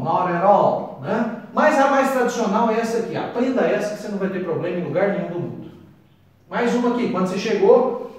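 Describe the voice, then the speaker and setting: A Brazilian man teaching English, explaining phrases at a board and slowing right down on each English example. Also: sits high. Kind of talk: explaining at a whiteboard. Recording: echoey room, voice from a distance.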